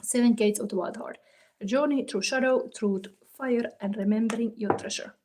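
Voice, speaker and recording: In a warm indoor room, a woman from Finland reads tarot casually on a live stream, thinking aloud and chatting in halting, non-native English with a Finnish accent. Her voice is on the high side, and there's background noise on the phone recording.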